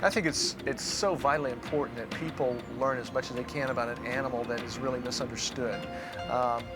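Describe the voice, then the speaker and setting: A man's voice: medium pitch, steady tone, brisk. A man talking earnestly and anecdotally in a documentary interview. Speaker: dive operator. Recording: interview mixed over music.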